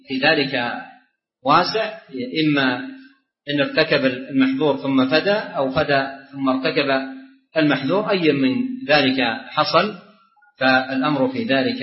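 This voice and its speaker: Man, Islamic scholar, religious lesson, deliberate pausing delivery, roomy echo, muffled lo-fi audio. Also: mid-range voice. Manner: measured, deliberate, pausing between phrases. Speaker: Islamic scholar answering a question. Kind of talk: religious lesson, answering a ruling question. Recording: roomy, dull lo-fi recording.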